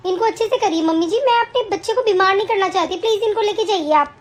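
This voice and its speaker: Bossy young daughter-in-law, high-pitched and commanding, played by a woman. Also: fast. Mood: scolding. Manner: scolding, commanding. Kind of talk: amateur family drama acting.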